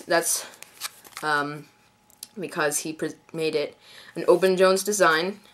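Sitting indoors at a card table, a young adult reviews a card deck off the cuff, wandering and self-correcting while nursing a mild head cold. Their medium-pitched voice is a bit bright but stuffy and congested.

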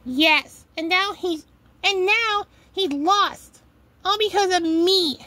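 A woman playing a high, bright young woman. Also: slow, dry recording, full character voice. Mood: remorseful. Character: young woman who lost her brother, remorseful. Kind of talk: fan puppet show.

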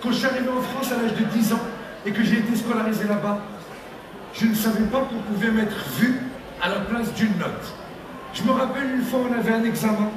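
Young male comic from Tunisia, high-pitched, animated; filmed from far back in an echoey hall with crowd noise. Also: fairly quick. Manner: animated, acts out characters with pitch jumps. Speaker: stand-up comedian. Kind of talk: stand-up comedy. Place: large theater stage with live audience. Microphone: handheld mic, filmed from the audience.

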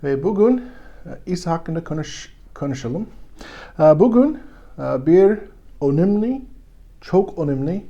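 A man with a foreign accent, still learning Turkish, teaching the Bible in simple, broken, halting sentences with frequent self-corrections. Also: a little high, big pitch swings, mellow, muffled recording. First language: not Turkish, still learning it.

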